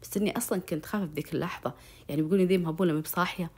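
Fast-talking young woman storyteller. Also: fairly low pitch, husky. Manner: emotional, breathless retelling with oaths and direct appeals to listeners. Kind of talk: dramatic first-person storytelling to viewers.

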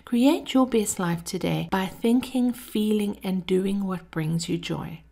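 Woman with creaky, breathy, intimate delivery. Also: mid-range voice, slow pace, mellow. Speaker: podcast host. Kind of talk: scripted motivational monologue.

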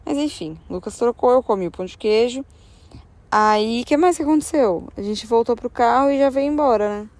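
A woman's voice: a little fast, no room sound. Brazilian woman telling a story in a dry, close sound. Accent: Brazilian Portuguese. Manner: animated, acts out her own thoughts in a higher voice. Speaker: travel vlogger. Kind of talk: casual storytelling.

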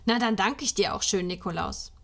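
A woman reading a storybook aloud, voicing a patient, playful mother who squeaks when playing along and is otherwise calm and dry. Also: a little fast, lightly acted.

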